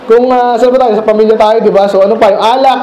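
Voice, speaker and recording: A man's voice: sits high, fairly even intonation, fast talker, warm tone, reverberant, a little hiss or hum, rough recording. A Filipino man preaching a midweek Bible study sermon, talking conversationally and asking the congregation questions. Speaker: pastor. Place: church room.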